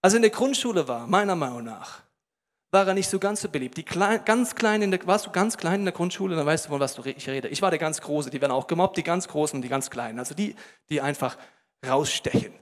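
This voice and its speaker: A man preaching a sermon in a lively, colloquial way, speaking straight to the listener. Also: on the high side, fast, long reverb tail.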